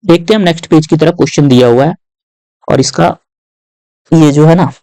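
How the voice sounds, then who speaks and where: A man's voice: a little high, warm tone, no room sound, poor audio. Male tutor, dry close sound. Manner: explains step by step with frequent tag questions; reads English questions aloud slowly. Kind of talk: exam-prep lesson walkthrough.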